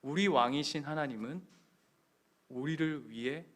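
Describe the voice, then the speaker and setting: A middle-aged man preaching a sermon as pastor, animated, acting out quoted voices and swinging from loud to soft. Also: on the high side, measured pace.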